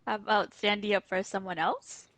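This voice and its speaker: A woman's voice: medium pitch, flat delivery, normal speed, a bit bright. A woman co-hosting a casual podcast, playful and giggly as she asks questions. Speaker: podcast co-host. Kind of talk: casual chat.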